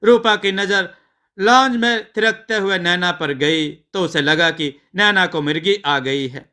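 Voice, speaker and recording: Male storyteller, measured narration, bright tone. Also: high-pitched.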